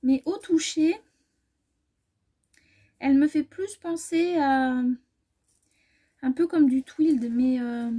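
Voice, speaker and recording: A woman sewing vlogger chatting casually through a fabric haul, rambling and correcting herself as she measures, often trailing off softly. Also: sits high, slow, pauses often. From France.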